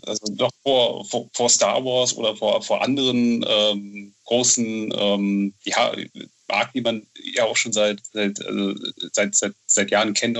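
This middle-aged novelist, a guest on a podcast interview, has a lowish, slightly bright voice with vocal fry, captured on dull audio. He chats casually and enthusiastically, often repeating the starts of phrases while hunting for words.

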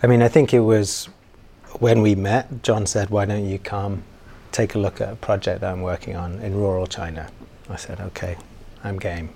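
A man from England, an architect guest, telling stories in a relaxed way with fillers in an office interview. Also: on the low side, moderate pace, gravelly, slight background noise. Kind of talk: casual interview conversation. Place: university office.

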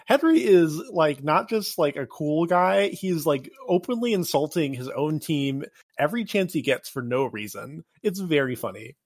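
A man co-hosting a podcast in casual chat, animated and joking, quick to laugh. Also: fairly high pitch, dry recording, studio quality. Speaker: podcast co-host.

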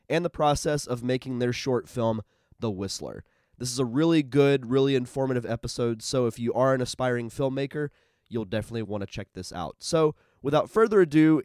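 A man with a mid-range, darkish voice hosts a casual podcast interview while battling a cold, sounding stuffy and a bit nasal. He chats in an upbeat way with plenty of fillers, on a dry, studio-quality recording.

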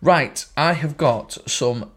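A man's voice: a little high, slow pace, husky. A man co-hosting a casual podcast, teasing his friend and swearing freely. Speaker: podcast co-host.

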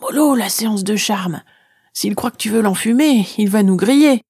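A woman voicing a girl's cheeky, sharp-tongued talking shadow in a whispered role-play, teasing in hushed, higher asides. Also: moderate pace, breathy edge, no echo, studio quality. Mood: scolding.

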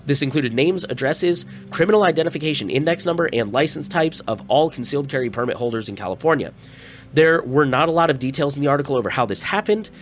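Over soft background music, a fast-talking man reads stories on his news podcast in a fairly high, expressive voice. He's slightly scratchy and stuffy-nosed from a cold, and his plain, conversational delivery includes casual asides.

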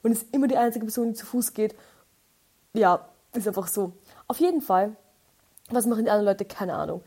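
A young woman with an Austrian accent, telling everyday stories as a podcast host in a chatty, animated way and acting out the dialogue. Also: mid-range voice, brisk, breathy edge. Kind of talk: casual storytelling.

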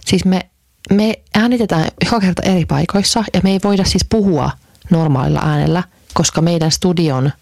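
A woman in her forties co-hosting a casual chat podcast, keeping her voice low and hushed in a makeshift home studio. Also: gravelly, no room sound. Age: 40s. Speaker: podcast co-host.

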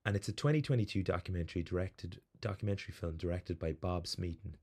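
A man hosting a podcast, telling a rambling, animated story with plenty of fillers before reading out some background. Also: low-pitched, fast, slightly rough. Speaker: podcast host. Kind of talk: casual storytelling monologue.

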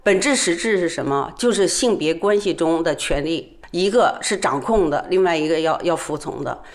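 Lower-voiced woman explaining earnestly. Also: expressive, moderate pace. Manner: earnest, argumentative, with frequent hesitations. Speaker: anti-domestic-violence trainer. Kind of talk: interview talk, explaining.

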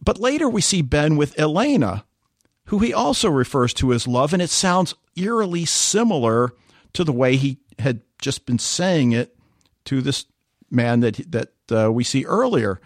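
A man's voice: a little high, sing-song, moderate pace, no room sound, clean studio sound. A man co-hosting a podcast, chatting casually and telling stories with animation. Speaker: podcast co-host.

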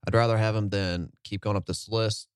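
A man co-hosting a casual sports podcast, relaxed and sprinkling in "like" as he reels off stats. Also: on the low side, fairly quick, smooth, no room sound, clean studio sound. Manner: relaxed, fills with "like", lists stats. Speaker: podcast co-host.

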